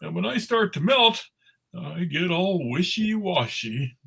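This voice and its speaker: A man voicing a cheerful, naive snowman who has come to life, with a raspy voice and innocent, exclaiming delivery, in a live cartoon script reading. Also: sits high, very animated, a little slow, pushed and bright, full character voice. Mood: worried. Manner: wide-eyed, exclaiming, innocent.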